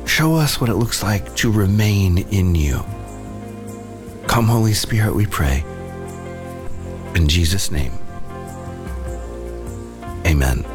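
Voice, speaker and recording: Earnest man praying over soft music. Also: low-pitched, very animated, slow pace, pauses often. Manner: earnest, gentle and heartfelt. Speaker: podcast host. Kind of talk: devotional reflection and prayer.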